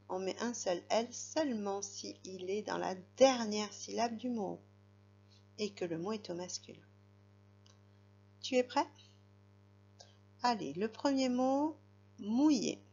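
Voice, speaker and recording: A woman teaching a child to spell, dictating words and slowly spelling them out letter by letter with patient explanations. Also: mid-range voice, gravelly, mellow. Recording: slightly dull, lo-fi recording.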